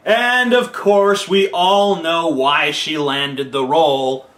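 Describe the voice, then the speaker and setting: Brief: male comedy web reviewer, high bright voice, sarcastic and exasperated, echoey room. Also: steady tone, slow pace. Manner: sarcastic, exasperated, mock-indignant.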